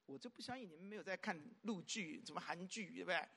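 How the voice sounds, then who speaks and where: A pastor preaches a sermon, repeatedly asking rhetorical questions and swinging between loud, emphatic lines and soft, quiet ones. His voice is high, fast, creaky and husky.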